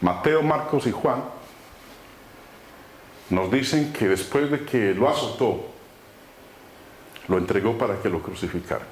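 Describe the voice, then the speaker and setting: A man preaching a sermon, swinging between loud emphatic lines and low hushed phrases. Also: a little slow, long pauses. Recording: very echoey room with faint noise.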